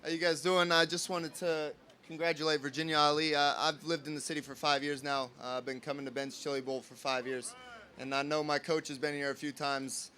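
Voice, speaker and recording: A man's voice: on the high side, little pitch movement, a little fast, pushed and bright. A man casually congratulating the owners at an outdoor event, friendly and joking, with many "uh" fillers. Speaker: sports team representative presenting a jersey. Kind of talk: casual remarks at a public event. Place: outdoors on a city street.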